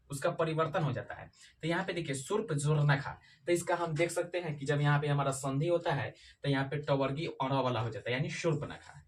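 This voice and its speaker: A man teaching a grammar lesson, repeating key points and asking his students questions, slowing down to spell out individual sounds. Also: a little high, distant mic. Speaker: Sanskrit teacher. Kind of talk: classroom-style grammar lesson.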